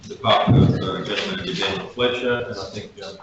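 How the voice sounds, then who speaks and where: Low-voiced Australian man chairing a council. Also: fairly even intonation, fairly quick. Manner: formal, procedural, with fillers. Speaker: mayor chairing the meeting. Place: council chamber. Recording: echoey, distant, dull, noisy room recording.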